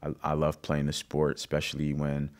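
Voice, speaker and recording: A man in his thirties, born in Greece, speaking reflectively with halting restarts as a musician guest interviewed in a recording studio. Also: rumbling low, monotone, a little mellow. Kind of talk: conversational interview. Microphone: studio condenser mic on stand.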